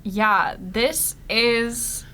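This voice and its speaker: A woman's voice: a little high, steady tone, very slow, sharp tone. A young adult woman co-hosting a casual podcast, laughing often and rambling through her points with fillers. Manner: giggly, rambling, lots of fillers. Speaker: podcast co-host.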